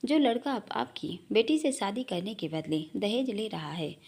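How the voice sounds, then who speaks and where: A woman's voice: mid-range voice, very animated, moderate pace, gravelly, darkish tone, husky, full character voice. A woman reading the lines of a cheerful young man who jokes and reassures, in a storybook reading. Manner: joking, reassuring.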